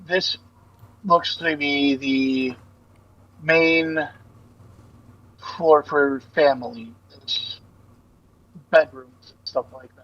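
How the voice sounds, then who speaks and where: Slow, soft-spoken male game master on a dull call line that cuts out, endings choppy and dropping away. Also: fairly high pitch, fairly even intonation. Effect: choppy audio cutting out at phrase ends. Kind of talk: narrating a tabletop game over a voice call. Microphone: voice call mic, quiet.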